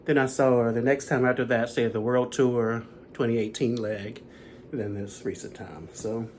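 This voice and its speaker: A man's voice: medium pitch, fairly even intonation, moderate pace, a little mellow, slight background noise. A man in his thirties giving a chatty, rambling recap of a concert he went to. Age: 30s. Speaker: concert vlogger. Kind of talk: casual chat.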